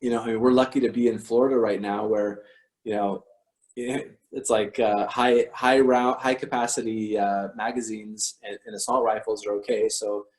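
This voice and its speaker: A man's voice: lowish voice, steady tone, moderate pace, darkish tone, low-quality recording. Rambling, emphatic man hosting a stream. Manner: rambling and emphatic, with frequent restarts and swearing. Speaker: host of an online talk stream. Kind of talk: casual livestream talk.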